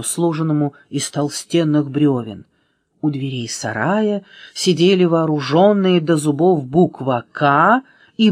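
A woman reading a children's storybook aloud in an expressive way, changing voices for the figures. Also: husky. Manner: expressive, changing pitch for drama. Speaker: reader.

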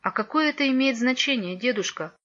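A cheerful, curious young girl, as a woman storyteller puts her on, lifting her voice higher and speaking with lively eagerness. It sounds like a storybook reading on a dull, lo-fi recording. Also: a little fast. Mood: eager.

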